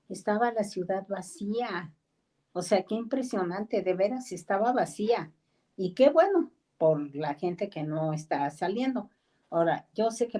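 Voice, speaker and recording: A woman's voice: on the low side, dark tone, low-quality recording. Mexican woman, middle-aged, leading an online Bible class, chatty, acts out her quotes, video call audio. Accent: Mexican Spanish. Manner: conversational, acts out quoted voices, pauses to ask people to mute. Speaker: discipleship teacher.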